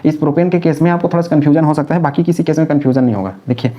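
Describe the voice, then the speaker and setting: A man with a Hindi-speaking North Indian accent gives a classroom chemistry lecture, explaining step by step, repeating key terms, and answering his own questions. His voice is on the high side and rapid-fire, and the recording is muffled.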